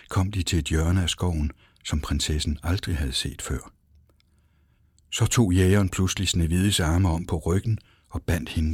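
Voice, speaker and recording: A man reading a fairy tale aloud as an expressive, dramatic storyteller. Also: low-pitched, husky, dry recording, clean studio sound. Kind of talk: storybook narration.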